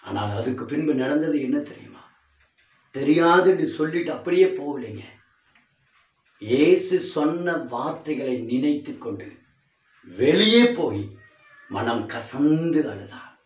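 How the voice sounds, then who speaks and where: Male preacher, fervent to hushed delivery, higher-pitched voice, recorded from a distance in a reverberant room. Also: animated, measured pace, pauses often. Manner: rising to loud fervent calls, then dropping to soft near-whispers. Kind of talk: sermon.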